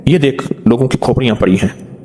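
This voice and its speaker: A man's voice: medium pitch, warm tone, voice pushed down, lightly acted. A man doing a cold boastful robber. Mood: menacing. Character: ruthless male robber with a dagger. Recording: long reverb.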